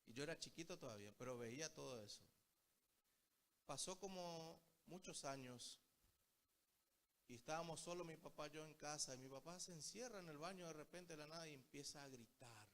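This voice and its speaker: A man from Paraguay delivers a Bible study sermon briskly, his voice on the high side and a bit bright. He narrates stories and keeps calling those listening his brothers.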